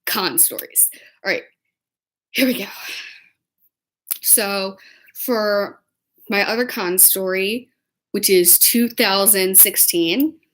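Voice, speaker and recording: A young woman casually telling convention stories to the camera, chatty and excitable, acting out what people said. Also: mid-range voice, slow pace, long pauses. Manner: chatty, excitable, acts out quotes in different voices. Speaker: vlogger. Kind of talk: casual storytelling vlog.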